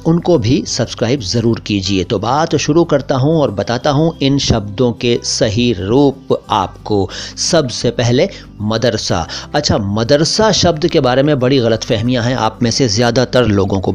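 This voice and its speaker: Male host with an Indian Hindi-Urdu accent, didactic, medium pitch, faint music bed. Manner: didactic, repeats words slowly for emphasis. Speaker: language teacher, channel host. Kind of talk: pronunciation lesson to camera.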